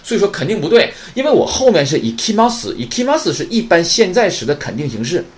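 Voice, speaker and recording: A man's voice: high voice, very animated, fast. A man from northeast China who teaches Japanese grammar in a podcast lesson, often asking the listeners questions and then answering them himself.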